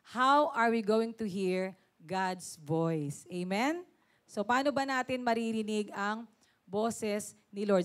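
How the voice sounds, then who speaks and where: A woman preaching a sermon, mixing Tagalog and English, often laughing and calling out to the congregation for an "Amen". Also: fairly high pitch. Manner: switches between Tagalog and English.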